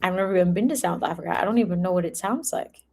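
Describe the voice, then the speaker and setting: Talking rapid-fire in a lowish, creaky, darkish voice with a breathy edge, a woman hosts a live tarot reading. She chats casually and informally with viewers and giggles frequently.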